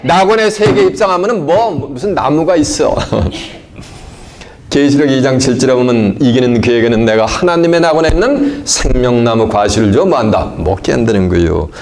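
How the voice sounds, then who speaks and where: A man preaching a sermon. He keeps asking his listeners questions and answers them himself, and he moves between loud emphatic lines and low asides. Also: moderate pace, slight background noise. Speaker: pastor.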